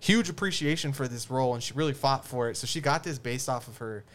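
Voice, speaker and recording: A man's voice: mid-range voice, quick pace. Casual man chatting about films. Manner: relaxed, rambling with fillers. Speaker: podcast host. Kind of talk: casual film discussion.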